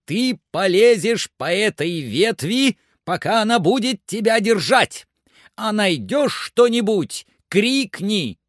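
Male reader doing a frantic shouting gent, pitched way up, dry close sound. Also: lively intonation, slow, no room sound. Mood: urgent, commanding. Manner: shouting, urgent and agitated. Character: excitable, frantic middle-aged man giving orders. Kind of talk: audiobook character voice.

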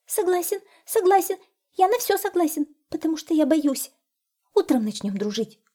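A woman voicing a timid little hare in a storybook, talking high and jittery. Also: big pitch swings, moderate pace, warm tone.

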